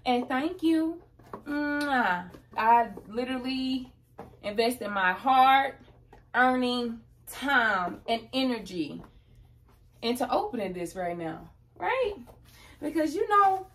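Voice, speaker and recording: A woman's voice: high-pitched, recorded from a distance. A young mother, chatting playfully and casually to viewers at home. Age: 20s. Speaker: vlogger, mother. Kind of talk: casual chat. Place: home, living room.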